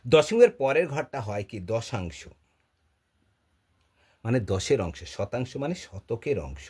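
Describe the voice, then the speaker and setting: Bengali math teacher guy, kinda husky, voice goes up and down a lot, keeps asking questions then answering them. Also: medium pitch, very animated, unhurried, a little mellow. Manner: asks and answers his own questions; repeats phrases while writing. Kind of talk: classroom lesson at a board.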